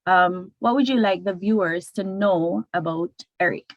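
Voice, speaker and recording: A woman's voice: fairly low pitch, a little slow, no echo, lo-fi sound. Upbeat Jamaican woman hosting, dry sound. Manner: upbeat, encouraging. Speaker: host. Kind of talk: interview hosting.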